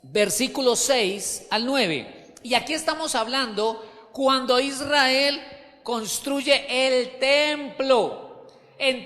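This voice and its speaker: A man's voice: very high voice, bright, forceful tone. A man preaching a sermon as pastor to his church, emphatic, repeating key words and asking the congregation questions. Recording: long hall reverb.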